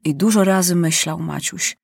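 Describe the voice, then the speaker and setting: A woman narrating a children's audiobook with lively, expressive storytelling. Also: lowish voice, moderate pace, creaky, husky, no room sound, clean studio sound.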